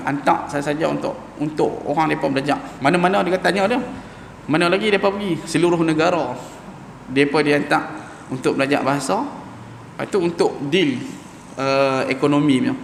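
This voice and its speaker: In a big mosque hall full of long, echoing reverb and a faint hum, a Quran teacher gives a recitation lesson. His voice is slightly high, gravelly, and a bit bright, and he speaks casually, stretching Arabic sounds out slowly when demonstrating.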